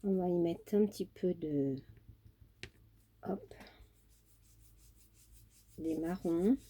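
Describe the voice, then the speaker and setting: Chatty woman with a mellow voice. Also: fairly low pitch, very slow, slightly rough. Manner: chatty and homely, with many "hein" and "euh" fillers. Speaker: craft vlogger. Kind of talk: casual crafting tutorial chat.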